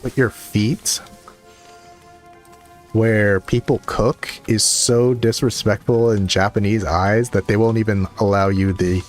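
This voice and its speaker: A man's voice: fairly low pitch, steady tone, takes it slowly, soft background music. A man streaming a game, musing aloud in casual commentary with frequent restarts.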